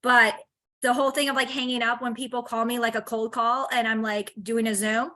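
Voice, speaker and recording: Bright, lively woman on a call. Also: a little high. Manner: laughing, quick, animated storytelling. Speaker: team member. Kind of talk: casual chat.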